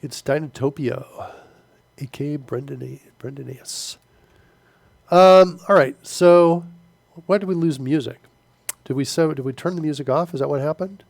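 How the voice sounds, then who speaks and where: Hosting a casual coding livestream, this stuffy-nosed man rambles through filler words while replying to chat mid-task. He speaks on the high side at a moderate pace, with vocal fry and a darkish tone, in a recording free of room sound.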